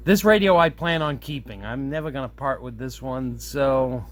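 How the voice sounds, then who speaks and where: At an indoor workbench, a man shows off his radio modification in a casual hands-on demo, thinking aloud in an easygoing way. His voice is mid-range at normal speed, picked up by a camera on a nearby tripod, with steady background noise and room ambience.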